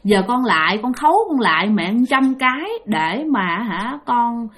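A woman's voice: on the high side, lively intonation, a little slow, a bit bright. Woman voicing a young woman's ghost. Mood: gentle farewell. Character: ghost of a young woman, pleading, turns menacing.

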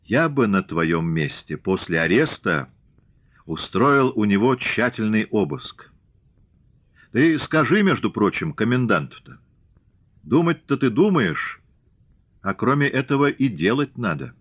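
A man's voice: on the low side, very animated, a little slow, muffled recording. A man reading a stern commissar, curt and commanding. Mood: scornful. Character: stern middle-aged male revolutionary commissar.

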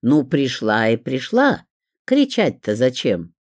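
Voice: medium pitch, wildly swooping pitch, unhurried, darkish tone, no room sound, clean studio sound, pitched above the performer's own voice. A reader voicing a sly middle-aged neighbour woman who speaks in a sugary, mock-innocent tone.

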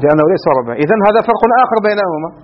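High-voiced man teaching grammar slowly. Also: lively intonation, slight background noise. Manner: stretches key words slowly, often asks the class if it is clear. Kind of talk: Arabic grammar lesson. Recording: dull lo-fi recording.

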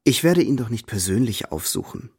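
An actor playing a proud, composed young tutor in a radio drama, speaking in a measured, cool way. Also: male voice, lowish voice, sing-song, gravelly, a little mellow, slightly rough, exaggerated voice. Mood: defiant. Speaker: first-person narrator and protagonist.

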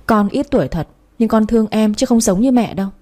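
A woman's voice: fairly high pitch, fairly quick, mellow, voice pushed up, close to an everyday voice. A woman voicing a defiant teenage girl. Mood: earnest, pleading.

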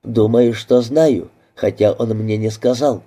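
A man's voice: mid-range voice, unhurried, mellow, lightly acted. Man voicing a defensive young woman. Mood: hesitant.

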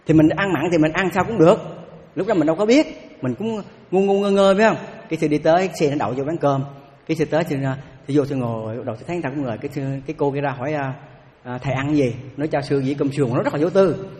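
A man, a Buddhist monk giving a dharma talk in an animated storytelling way, often repeating words and asking his listeners questions. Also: on the high side, very fast, in a large hall. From south-central Vietnam. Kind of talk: dharma talk with personal anecdotes.

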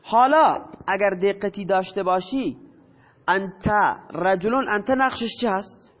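A high-pitched man teaching a grammar lesson, putting questions to his class and answering them himself. The recording is dull and lo-fi, with a long reverb trailing his words. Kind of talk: explaining grammar to students.

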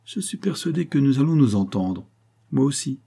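A man voicing a sly, mocking male schemer in a French adventure audiobook, speaking higher and louder than his narration. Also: sing-song, moderate pace, creaky, breathy edge, heavily acted. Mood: smug. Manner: smug, taunting.

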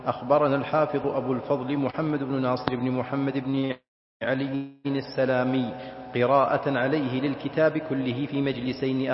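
Man reading in a flat, even voice. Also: medium pitch. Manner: even, measured reading with a chanting lilt. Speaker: student reading the text aloud. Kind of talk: formal recitation of a classical text. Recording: echoey hall, dull sound with faint hiss.

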